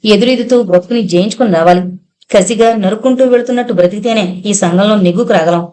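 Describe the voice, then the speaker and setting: A woman voicing a gruff male outlaw. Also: medium pitch, fast, dark tone, natural voice. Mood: lecturing. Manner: harsh, commanding, then lecturing.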